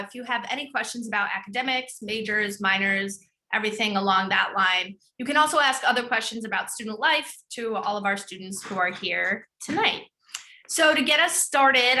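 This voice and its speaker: A middle-aged woman from the Chicago suburbs hosts an online open house panel. She talks in an upbeat, chatty way with easy fillers. Her voice is bright and sits a little high. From northern suburbs of Chicago. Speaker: student programs director hosting a panel.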